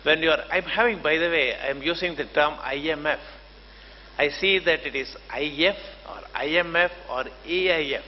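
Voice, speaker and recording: Older indian guy giving a formal talk, courteous and halting, boomy hall, kinda muffled. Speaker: professor and conference speaker. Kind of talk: formal conference lecture. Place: large conference hall. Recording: dull, noisy hall microphone, long reverb.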